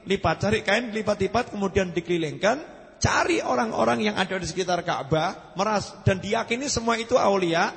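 Animated Javanese-accented preacher in a hall. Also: male voice, high voice, fairly quick, gravelly. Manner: animated, jokes and mixes in Javanese phrases. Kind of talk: sermon.

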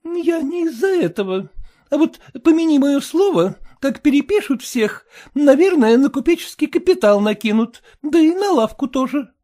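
A reader voicing a fussy, fretful middle-aged merchant's wife who scolds in a shrill, raised voice. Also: female voice, very animated, moderate pace, warm tone.

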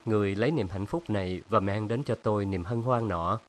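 A moody young painter who answers curtly with a sardonic edge, voiced by a man reading a story. His voice is lowish and restrained. It is a storybook reading. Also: brisk, natural voice.

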